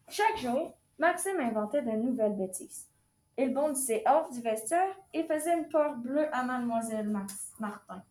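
High-voiced woman reading a storybook. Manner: expressive storytelling. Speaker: storybook reader. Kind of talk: reading a children's picture book aloud. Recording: echoey room.

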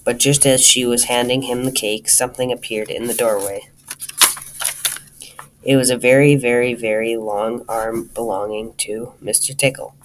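Man, children's story read-aloud, lively, talks to the listener, faint hiss. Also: mid-range voice, moderate pace, rough recording. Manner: lively, addresses the listener directly.

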